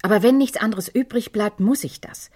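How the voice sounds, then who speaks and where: A mid-range, warm-toned female voice, lightly acted and at normal speed, portrays a firm, possessive mother in a German radio crime drama. She pleads with her resistant daughter in an insistent, controlled way.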